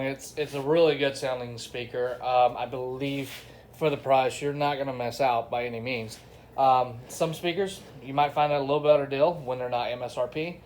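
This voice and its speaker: A man with a medium-pitched voice gives a casual, unscripted product review, speaking informally to his viewers and calling them "y'all" and "guys." There's a little hiss or hum in the recording.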